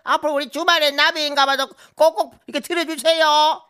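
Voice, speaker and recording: A man's voice: extremely high pitch, little pitch movement, a little fast, bright, forceful tone, pitched above the performer's own voice. A male comedian voicing a doting elderly grandmother who fusses in a folksy, kindly scolding way. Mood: warm.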